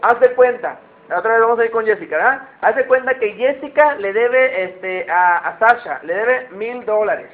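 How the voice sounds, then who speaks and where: A man's voice: sits high, animated, normal speed, few pauses. A man preaching a conversational sermon, often asking his listeners questions. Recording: tinny phone-like sound.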